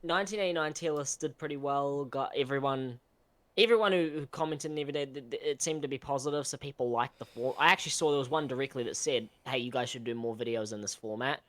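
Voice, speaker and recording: An easygoing young man with a mid-range male voice, co-hosting a relaxed chat. He talks in halting stretches, trailing off and restarting with frequent ums. His delivery stays loose and unhurried. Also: mid-range voice. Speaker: co-host. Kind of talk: casual chat.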